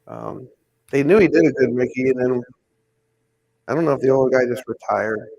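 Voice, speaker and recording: A man's voice: medium pitch, moderate pace, gravelly, darkish tone, dry recording, highs cut off. A man chatting casually about his collection, rambling and thinking aloud as he works. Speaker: pin collector host. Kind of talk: casual chat while hanging pins.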